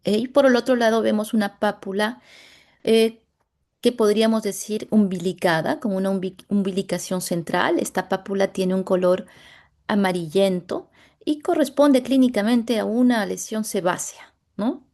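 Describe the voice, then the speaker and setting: Over a video call, a Latin American dermatologist presents a clinical case in a gravelly, dark, mellow voice of medium pitch. She speaks with a Latin American Spanish accent, haltingly, often pausing to search for the right word.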